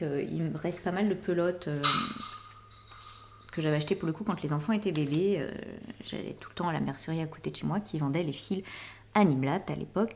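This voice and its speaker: A middle-aged woman with a lowish, somewhat dark voice hosts a knitting and sewing podcast, and a faint hiss or hum sits under the recording. She rambles chattily through a casual show-and-tell of her finished projects, often closing with "voilà."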